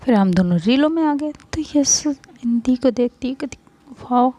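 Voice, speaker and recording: A woman narrating a romance story in a casual, unhurried way. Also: high voice, animated, mellow.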